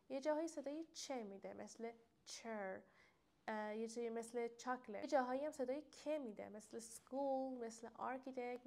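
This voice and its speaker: A young woman teaching a casual video lesson, speaking straight to the viewer and slowly drawing out example words. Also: a little high, creaky, a little mellow. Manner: addresses viewer directly, drawn-out example words. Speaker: English teacher.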